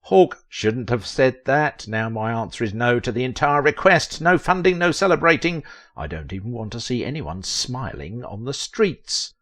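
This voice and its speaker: A man voicing a fat, gluttonous young male mayor who shouts and talks through a full mouth. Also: medium pitch, lively intonation, moderate pace, pitched above the performer's own voice, natural voice. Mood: spiteful. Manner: loud, blustering, talking with a full mouth.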